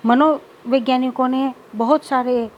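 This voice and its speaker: A woman lecturer with a somewhat high voice explains a topic step by step in a steady teaching manner. She slips English technical terms into her talk. A faint insect buzz hums in the background. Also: measured pace, dull audio, slight background noise. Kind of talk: recorded lecture.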